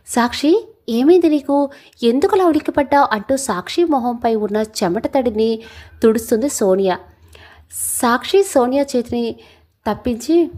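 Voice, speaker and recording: A woman narrating a scripted story in a steady, even reading. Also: on the high side, slightly rough.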